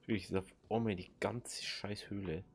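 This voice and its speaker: A man's voice: fairly low pitch, fairly even intonation, moderate pace. A man giving casual, rambling let's play commentary in a muttering way. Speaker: gamer commenting on his playthrough.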